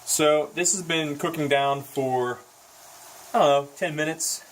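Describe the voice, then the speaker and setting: A woman's voice: sits low, unhurried, rough recording. A woman co-hosting a cooking video with casual, informal commentary in brief asides. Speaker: camera operator and co-host. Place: home kitchen. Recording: sizzling pan noise behind the voice. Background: frying and stirring sounds.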